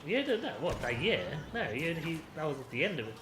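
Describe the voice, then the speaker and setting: A man playing a video game while chatting casually as co-host, excitable with sudden high yelps and laughs. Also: fast. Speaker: gameplay co-host and player. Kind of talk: casual gameplay commentary. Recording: echoey room with background noise.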